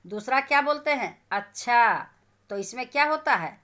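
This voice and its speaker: A woman's voice: high-pitched, lively intonation, a little fast, sharp tone. A woman teacher giving a grammar lesson to schoolchildren, asking questions and answering them herself.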